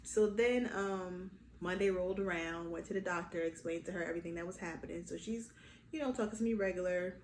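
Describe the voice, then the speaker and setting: A young adult woman telling a personal story in a casual vlog, lively and acting out the quotes. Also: brisk. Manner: animated, acts out quotes with big pitch jumps. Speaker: vlogger. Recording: echoey room with faint noise.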